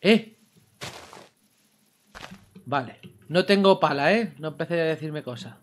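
A man with a Spain Spanish accent giving let's-play gameplay commentary, excitable and swearing freely, swinging from low muttering to yelled outbursts. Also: measured pace, slight background noise. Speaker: gaming YouTuber.

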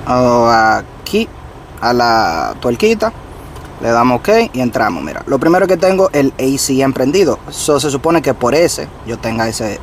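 A trucker vlogger in his thirties, with a mid-range voice and a little hiss or hum on the audio, walks his viewers through something step by step in a casual how-to vlog. He talks straight to them from the cab of his parked truck, filmed by a dashboard camera facing him.

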